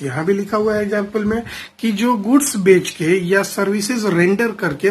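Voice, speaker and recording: A male teacher giving a classroom accounting lecture. He explains step by step, calls the students "children", checks often whether they follow, and reads definitions out slowly. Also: sits high, a little hiss or hum.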